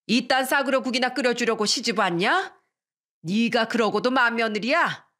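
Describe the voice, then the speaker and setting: Shrill scolding old mother-in-law, read by a woman narrator, loud and slow. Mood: furious. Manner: scolding, yelling. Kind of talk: storybook reading.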